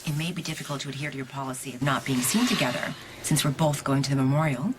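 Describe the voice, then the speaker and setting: A woman's voice: rumbling low, quick pace. An actress playing a manipulative woman plotting in secret in a television drama, speaking in a dry, cool way. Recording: noisy TV soap audio.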